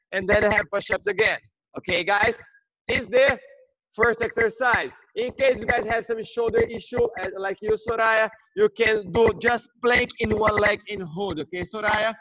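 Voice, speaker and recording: High-pitched, hard-driving gym-bro fitness coach, male. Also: pushed and bright, muffled recording. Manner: high-energy gym-bro encouragement, clipped repeated praise. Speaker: group fitness instructor. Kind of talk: workout class coaching, shouted cues and countdowns. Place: large indoor gym, on a video call.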